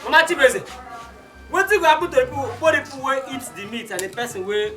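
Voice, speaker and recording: A nervous Nigerian comedy tenant questioning everyone in Pidgin. The voice is very high and swooping, with loud music behind. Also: male voice, animated, fast. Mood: worried. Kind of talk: Nigerian comedy film acting.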